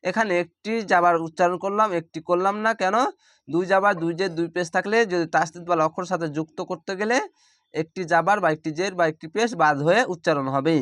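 In this slow recitation lesson, a young Bangladeshi man spells out each Quran word letter by letter and stretches the recited words, speaking with a Bangladeshi Bengali accent. His voice sits high with a fairly bright tone and a quick pace. He is close-miked, and there is no room sound.

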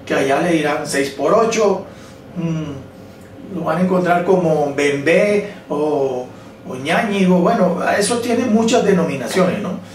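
A man's voice: on the high side, expressive, measured pace, darkish tone. A man teaching a guitar rhythm lesson, explaining and chanting beat syllables aloud. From Colombia. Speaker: music teacher. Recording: echoey room, distant mic, clear background noise.

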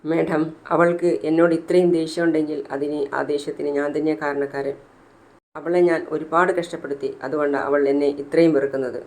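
A man's voice: fairly high pitch, little pitch movement, brisk, darkish tone, close to an everyday voice. A narrator voicing a remorseful middle-aged man admitting his faults. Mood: regretful. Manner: regretful.

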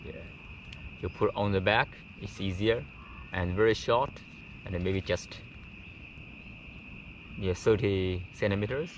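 A young man with a lowish voice speaks in plain, broken at an unhurried pace. He is outdoors by a lake, recorded on a close action camera. Steady outdoor noise with crickets and insects runs behind him. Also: rough recording. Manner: simple broken phrasing, relaxed and unhurried. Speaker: fishing vlogger. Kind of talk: casual outdoor vlog. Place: outdoors by a lake, among trees.

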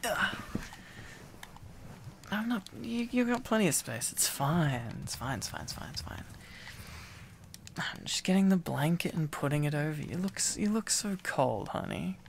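A young man plays the boyfriend in an ASMR roleplay, very animated and a little high-pitched, with a creaky edge to his voice. He's clingy, teasing and goofy, rambling playfully and stumbling into repeated words, over a slight hiss or hum.

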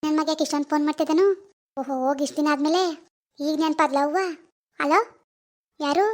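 A woman's voice: high voice, steady tone, lightly acted. A woman voicing an angry middle-aged village mother who scolds her son with insults in a cartoon. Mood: mocking. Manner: scolding, insulting, rapid-fire rebukes. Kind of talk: cartoon voice acting.

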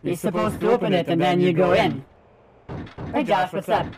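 High-voiced excitable streamer on headset mic. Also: male voice, normal speed, a little hiss or hum. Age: 30s. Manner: excitable, swearing, talks to himself and chat. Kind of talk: gaming livestream commentary. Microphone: livestream headset mic.

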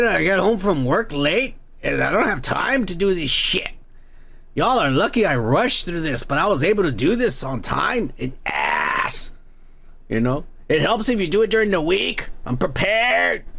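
He speaks in a slightly high, sing-song voice with vocal fry and a little brightness, at normal speed. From home, he hosts a show reading viewer comments, rambling casually, cursing freely, and restarting often through a heavily compressed microphone.

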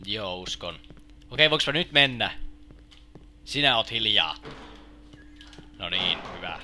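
A young man giving casual game commentary, swearing often and shouting English exclamations when excited. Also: fairly low pitch, slight background noise. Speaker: lets play gamer. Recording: loud in-game gunfire. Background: game gunfire and clicks.

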